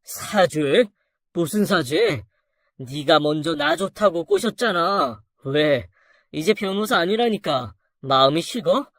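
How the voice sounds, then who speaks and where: A storyteller voicing a lying husband who turns defensive and crude, lower than the narration's wife lines. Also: big pitch swings, slow, no room sound, clean studio sound. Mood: resentful.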